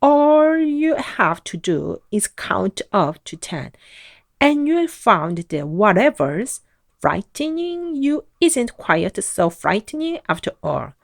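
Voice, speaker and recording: A woman voicing a kind, gentle tramp who speaks softly and slowly. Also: medium pitch, very animated, vocal fry, no echo, studio quality, exaggerated voice. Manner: gentle, soothing. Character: kindly, gentle man, big tramp.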